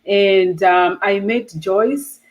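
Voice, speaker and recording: A woman's voice: medium pitch, very slow, a crowd in the background, rough recording. Eager woman host with many fillers. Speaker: host of a STEM channel. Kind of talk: interview hosting.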